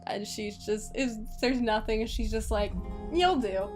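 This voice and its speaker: A woman's voice: fairly high pitch, flat delivery, moderate pace, darkish tone. A young woman co-hosting a casual chat, giggly and jokey, cutting in with playful remarks. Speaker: podcast co-host. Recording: music playing behind.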